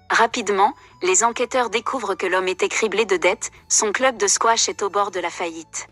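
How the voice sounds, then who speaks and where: A woman delivering scripted true crime narration in a measured, journalistic storytelling manner. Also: medium pitch, a bit bright.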